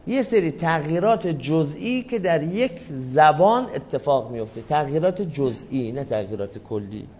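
Measured lecturing man, slightly high voice. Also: very animated, a little mellow, slightly rough, lo-fi sound. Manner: measured, explanatory, addresses the audience politely and answers questions. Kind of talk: classroom lecture.

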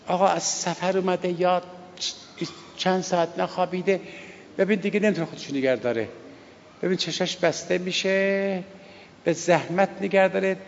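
Male preacher, gravelly and a bit high, who slowly chants the prayer and then explains it conversationally, on a dull recording. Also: a little hiss or hum. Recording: lo-fi recording with long hall reverb.

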